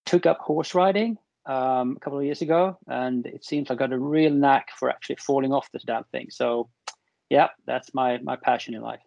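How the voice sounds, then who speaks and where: A man's voice: medium pitch, moderate pace, creaky, a little mellow, dry recording. A man from Sweden chatting casually as a panel guest, jokey and self-deprecating. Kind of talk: casual podcast chat. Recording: dull lo-fi remote audio.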